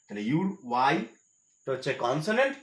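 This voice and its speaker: A man's voice: fairly high pitch, big pitch swings, brisk, fairly bright tone. Man teaching grammar in an echoey room. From West Bengal, India. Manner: patient, repeats each point, asks and answers his own questions. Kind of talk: explanatory lesson to students.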